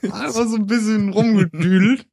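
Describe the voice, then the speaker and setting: A man co-hosting a casual podcast chat, teasing and sarcastic with an animated delivery. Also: sits high, normal speed, creaky, loud music behind the voice. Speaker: podcast co-host.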